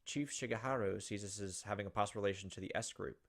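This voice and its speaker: Talking fast in a lowish voice, the young man narrates game text and chats casually through his let's play, filmed by webcam at his indoor computer setup.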